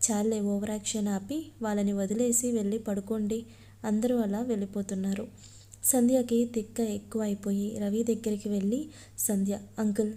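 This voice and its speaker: Woman storyteller, love story reading, flat delivery, dark warm tone. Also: mid-range voice. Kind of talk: reading a love story aloud, naming each speaker.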